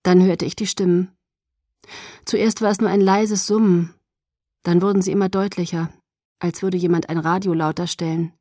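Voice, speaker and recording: A woman reads a novel aloud in the first person, soft and hushed, sometimes near a whisper. Her voice is low, mellow and breathy. The sound is close and dry. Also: steady tone, normal speed, long pauses, no room sound. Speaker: audiobook narrator.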